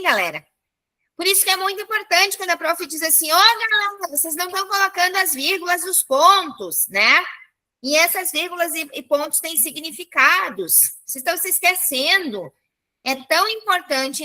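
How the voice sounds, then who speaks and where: A young woman teaches children in a live online class with a Brazilian Portuguese accent. She sounds high and keenly bright, lively and chatty, and keeps calling out to the whole class.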